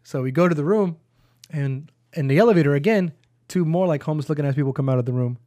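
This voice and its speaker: Fast-talking young man, slangy storyteller. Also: on the high side, dry recording, clean studio sound. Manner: animated, swearing, acts out quotes. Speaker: podcast co-host. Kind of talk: casual storytelling chat.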